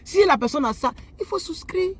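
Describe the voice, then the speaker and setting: An extremely high-pitched, fairly quick voice belongs to an Ivorian YouTuber who sits indoors and moralizes at his viewers, addressing them directly in an animated, preachy monologue.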